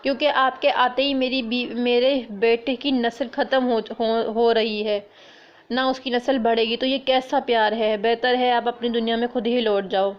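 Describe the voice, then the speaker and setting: A woman's voice: fairly high pitch, fairly even intonation, clear, resonant tone, muffled recording, natural voice. Woman voicing a stern disapproving mother. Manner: stern, firm.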